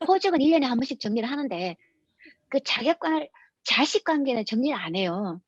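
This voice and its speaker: A woman's voice: high-pitched, big pitch swings, fast talker, breathy edge, no echo, lo-fi sound. A woman giving a lecture, explaining rules through anecdotes in a storytelling manner.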